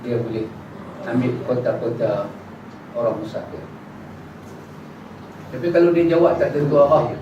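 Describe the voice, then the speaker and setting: A man giving a religious lesson in a prayer hall and answering questions, acting out little dialogues in a casual, lively way. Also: medium pitch, moderate pace, pauses often. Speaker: religious teacher. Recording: echoey hall, distant mic, dull, noisy.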